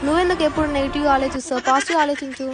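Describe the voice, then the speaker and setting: A woman's voice: high-pitched, steady tone, racing. A woman acting an earnest friend in a skit, giving advice. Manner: advising, earnest. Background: music.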